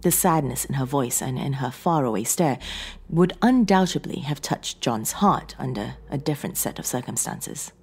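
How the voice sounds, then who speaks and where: A woman's voice: a bass voice, lively intonation, moderate pace, vocal fry, a little mellow, breathy edge. A woman narrating a scripted horror story in a dramatic, suspenseful reading.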